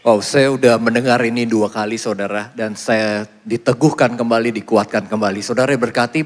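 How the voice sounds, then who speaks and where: A man's voice: medium pitch, a little hiss or hum. Male church host in a reverberant hall. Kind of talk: church announcements after the sermon.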